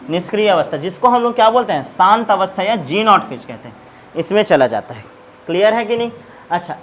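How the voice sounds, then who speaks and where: A man teaches biology in a lecture style. He poses questions to his students and answers them himself, repeating each key term. A faint hiss sits under the recording. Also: high voice. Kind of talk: classroom lecture with call-and-response questions.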